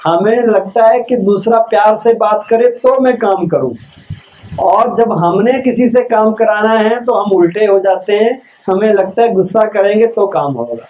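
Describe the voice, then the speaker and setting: A man's voice: high voice, a little slow, a little mellow. A man giving a spiritual lecture as keynote speaker at a camp. He poses rhetorical questions to the audience and repeats key lines for emphasis. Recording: dull lo-fi recording.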